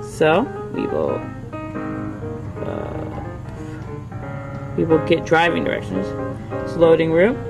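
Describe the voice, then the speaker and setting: A man's voice: fairly high pitch, wildly swooping pitch, slow pace, vocal fry, long pauses, music in the background. Young man demoing apps in a car. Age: young adult. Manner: casual, rambling, many fillers. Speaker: tech reviewer. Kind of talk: casual app demo vlog. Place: inside a car.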